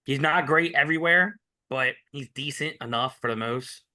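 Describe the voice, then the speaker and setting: A man's voice: medium pitch, moderate pace, bright, forceful tone. A man co-hosting a sports betting podcast, talking in a rambling, opinionated casual way. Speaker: podcast co-host.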